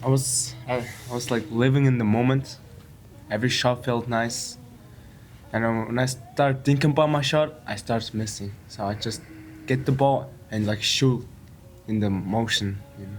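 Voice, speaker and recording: A man's voice: mid-range voice, steady tone, moderate pace, faint music behind. Polite young male player from Mongolia. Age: young adult. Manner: polite and simple. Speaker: student basketball player. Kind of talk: casual interview.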